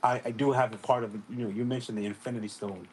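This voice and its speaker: A man's voice: mid-range voice, steady tone, quick pace, slight background noise. A man in his forties chatting as a guest on an online call, meandering and hedging with lots of ums. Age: 40s. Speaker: guest, tech architect. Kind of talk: casual online group chat.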